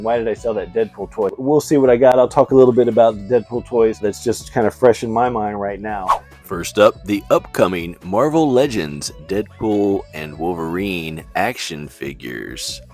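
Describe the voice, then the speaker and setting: A YouTube host reviewing movies and toys chats casually in his vlog, full of slangy, laid-back fan enthusiasm. His voice is lowish and a little mellow, moving at a moderate pace over faint background music.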